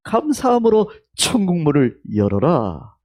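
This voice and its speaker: A male pastor with a Gyeongsang accent preaching a Sunday sermon in a church, with emphatic calls that drop to hushed whispers, leading the congregation to repeat his words. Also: high-pitched, wildly swooping pitch, unhurried, no echo. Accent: Gyeongsang Korean. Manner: leads the congregation in call-and-response. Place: church sanctuary.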